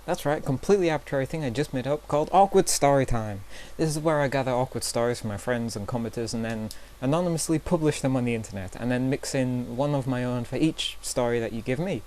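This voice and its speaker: A man's voice: mid-range voice, fast, few pauses, darkish tone. Chatty young man telling stories. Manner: chatty and self-deprecating, with nervous fillers. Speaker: vlogger. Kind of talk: casual storytelling vlog.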